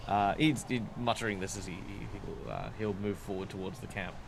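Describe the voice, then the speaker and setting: A man chats through his moves in a tabletop game. His voice is a bit low and he hesitates and repeats words. Clear noise is behind him. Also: fairly even intonation, fairly quick. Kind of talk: casual in-game discussion.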